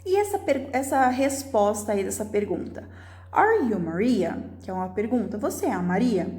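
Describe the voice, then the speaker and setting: A woman, a Portuguese speaker, teaches a beginner English lesson. She reads the example sentences slowly and clearly and often checks in with her viewers. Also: medium pitch, lively intonation, a little mellow. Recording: roomy, echoey sound.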